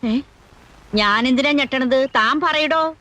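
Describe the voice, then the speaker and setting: A woman's voice: high voice, takes it slowly, sharp tone, exaggerated voice. A woman playing a bold, proud old grandmother in her sixties or older who scolds and commands. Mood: scolding.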